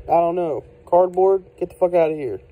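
A man's voice: high-pitched, normal speed, phone-quality sound. A man giving a casual, exasperated product review, blunt and swearing heavily, recorded indoors on a handheld phone. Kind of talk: casual handheld video rant. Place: indoors at a desk.

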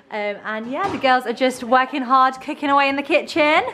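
A British woman in her twenties chatting casually and excitably to a handheld vlog camera at a hen party. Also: sits high, moderate pace. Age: 20s. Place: busy bars and a house kitchen. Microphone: handheld camera at arm's length. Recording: loud music and party crowd behind.

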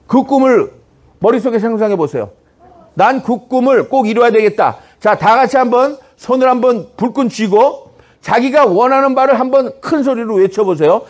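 A middle-aged comedy writer, a man, giving a humorous lecture to high school students. He is teasing and punchy, keeps asking "어?" for a reaction, and breaks into shouted examples.

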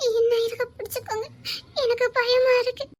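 A woman voicing a timid young heroine in an audio drama, stubborn but fearful, speaking in a soft, pleading, tearful way. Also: very high-pitched, flat delivery, brisk. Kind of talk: amateur audio drama acting.

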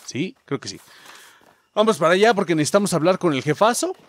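A young Mexican-accented man narrating his gameplay with a lively voice that swings up and down, sitting a little high. He jokes, swears casually and keeps calling out to his viewers. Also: quick pace. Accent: Mexican Spanish. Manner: excitable, jokey, swears freely, talks to viewers as muchachos. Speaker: gaming streamer. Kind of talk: casual let's-play commentary.

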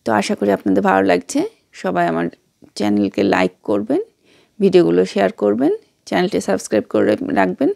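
Gravelly-voiced woman teaching pronunciation. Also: lowish voice, big pitch swings, fast talker, dark tone, no echo, clean studio sound. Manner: spells words letter by letter then says them. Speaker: channel host and English teacher. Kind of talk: slow spelled-out pronunciation lesson.

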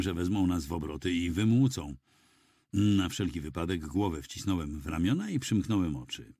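A man reading a first-person audiobook in a measured, dramatic storytelling manner, close to a studio mic. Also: sits low, darkish tone, no room sound. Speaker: audiobook reader.

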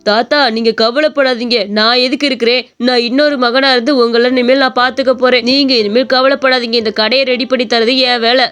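A woman's voice: a little high, steady tone, brisk, hardly any pauses, fairly bright tone, smooth, lightly acted. A woman voicing an earnest young man, a protective son who speaks firmly and sincerely. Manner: firm and earnest.

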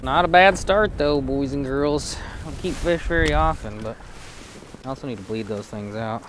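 A man's voice: mid-range voice, moderate pace, a bit bright, slight background noise. A man hosting a fishing vlog outdoors on a frozen lake, talking in a laid-back, chatty, jokey way into a body-mounted camera. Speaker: fishing channel host. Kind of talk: casual outdoor vlog narration. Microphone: body-mounted action camera.

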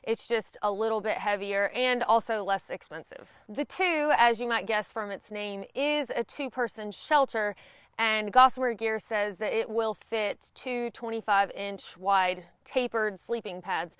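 A woman's voice: mid-range voice, unhurried, no echo. A young woman with a Southern US accent, giving a scripted gear review to camera outdoors on a grassy lawn. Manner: clear, even, informative delivery.

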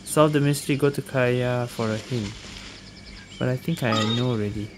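A woman gaming streamer gives casual commentary on her gameplay, thinking aloud and repeating herself as game music plays. Her voice is rumbling and low at a moderate pace, with background noise present.

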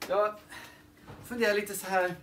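A man's voice: high voice, steady tone, fairly bright tone, a little hiss or hum. A man hosting a live sing-along, chatting casually with many fillers and restarts. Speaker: sing-along host and guitarist. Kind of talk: casual live-stream chat. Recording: guitar playing behind voice. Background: guitar music.

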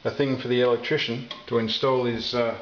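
A middle-aged home renovator talks casually through his tiling work in a kitchen under renovation, speaking haltingly with lots of fillers. His voice is medium-pitched and level, and the off-camera camera mic gives roomy, dull audio with faint noise.

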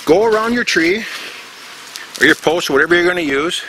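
Background noise surrounds a high-pitched, expressive male voice moving at a moderate pace. The speaker, a middle-aged bushcraft instructor, shows a knot step by step in a tropical forest, talking plainly and often repeating himself during this casual outdoor demonstration.

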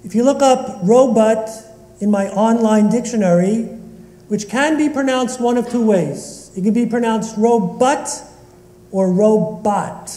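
High-voiced rabbi in an echoey hall. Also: male voice, moderate pace, dark tone. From Northeast Philadelphia. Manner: humorous, bantering with the congregation. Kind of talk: sermon. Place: synagogue sanctuary.

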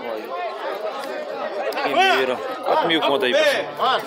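A man's voice: very high voice, sing-song, normal speed, vocal fry. A man filming a cattle fair, asking sellers their prices and repeating them for viewers. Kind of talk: walkabout video commentary. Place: outdoor cattle pens at a livestock fair. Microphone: handheld camera mic. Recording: loud fair crowd behind. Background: busy fair crowd chatter.

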